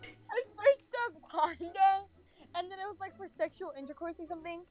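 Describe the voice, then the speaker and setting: With a very high-pitched, darkish-toned voice, a young American woman from California shares a personal story at a moderate pace. She keeps it casual and rambling, dropping "like" again and again.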